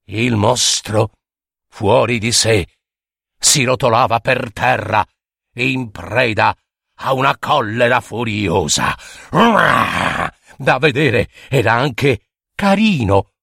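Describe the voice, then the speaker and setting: Slow, lively male storyteller. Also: mid-range voice, vocal fry, breathy edge, no echo, clean studio sound. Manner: lively, dramatic narration. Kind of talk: expressive children's story reading.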